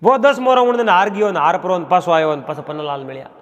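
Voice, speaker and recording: A man with a Marwari accent telling a traditional folk tale in a rhythmic, repetitive way, pausing often. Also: sits high, fairly bright tone, big-room sound, dull audio. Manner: repetitive, rhythmic telling with frequent pauses and fillers. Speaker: folk storyteller.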